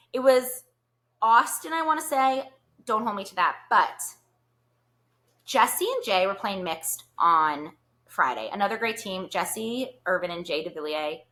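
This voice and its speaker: Bright-voiced chatty woman podcast host. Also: medium pitch. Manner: chatty, gossipy storyteller with many "like" fillers. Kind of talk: casual gossip chat.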